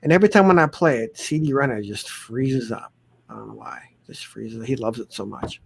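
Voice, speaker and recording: A man hosting a casual livestream, reading the chat aloud with teasing, deadpan remarks. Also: mid-range voice, fairly quick, creaky, husky. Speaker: livestream host.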